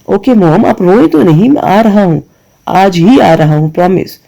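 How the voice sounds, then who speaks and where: Determined young guy, holds back, kinda dark voice , read by a man. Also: high voice, animated, creaky, low-quality recording. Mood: weary.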